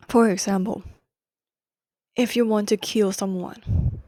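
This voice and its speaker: In her solo podcast, a young host with a Thai accent works carefully through a book in non-native English, fixing her own mistakes as she goes. Her voice is medium-pitched and dark, with no echo.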